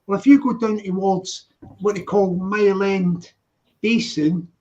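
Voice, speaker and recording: A man with a high-pitched, darkish voice chats casually at an unhurried pace and a steady tone. He repeats himself and keeps chiming in with agreement, and the lo-fi live-stream audio sounds dull.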